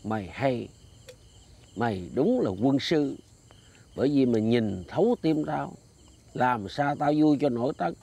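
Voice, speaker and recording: A man's voice: mid-range voice, lively intonation, unhurried, creaky, long pauses, warm tone. An actor playing a jealous, grumbling middle-aged man with a Southern Vietnamese accent in a comedy sketch, accusing and theatrical. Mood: sulky. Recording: music bed under the dialogue.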